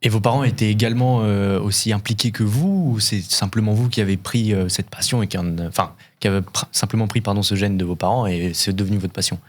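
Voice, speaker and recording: A man's voice: on the low side, fairly even intonation, quick pace, few pauses, close to an everyday voice. A man playing a flustered, mock-formal talk show host in a comedy sketch, over-polite, hesitant and rambling.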